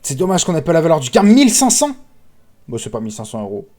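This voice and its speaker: A man streaming casino games, commentating live, excitable, pleading with the game and calling out sums. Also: medium pitch, racing.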